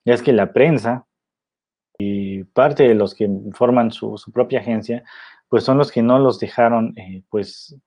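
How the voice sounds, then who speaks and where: A man's voice: mid-range voice, unhurried, mellow. A man talking casually about films, rambling with many fillers and tag questions. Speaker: film commentator. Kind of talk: casual film commentary. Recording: dull lo-fi recording.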